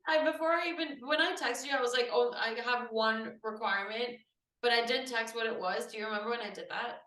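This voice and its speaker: A young English woman co-hosting a podcast, talking in a chatty, animated way. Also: a little high, fast. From England. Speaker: podcast co-host. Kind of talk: casual chat.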